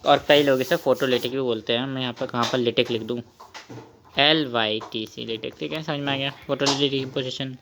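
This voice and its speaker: A young man teaches a chemistry lesson, pausing to write and often asking his students questions. He repeats the key terms over a light background hiss. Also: mid-range voice, fairly even intonation. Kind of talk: chemistry lesson while writing on a board.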